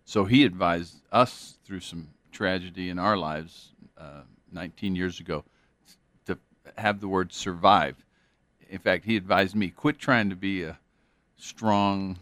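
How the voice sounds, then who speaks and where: A man's voice: low-pitched, a bit bright, no echo. A man hosting an interview on faith, talking earnestly and rambling with many fillers. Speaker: interview host.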